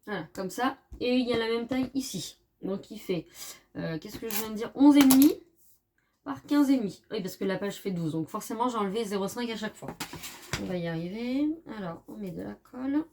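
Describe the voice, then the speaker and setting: A woman chatting casually through a craft tutorial, often correcting herself and filling pauses as she works. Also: mid-range voice, lively intonation, darkish tone, slight background noise. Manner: chatty, self-correcting, many fillers. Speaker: scrapbooking crafter.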